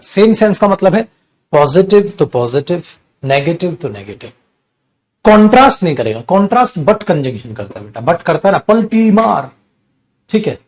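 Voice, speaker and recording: A male teacher giving an animated grammar lecture to a class, talking fondly to his students and using dramatic emphasis. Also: sits high. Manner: animated, addresses students as beta, dramatic pauses.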